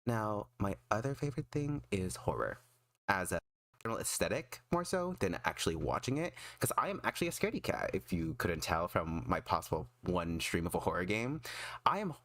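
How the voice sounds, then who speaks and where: Animated low-voiced man, excitable streamer. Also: normal speed, dry recording. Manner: excitable, self-deprecating, emphatic. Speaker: streamer and artist. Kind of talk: casual livestream chat.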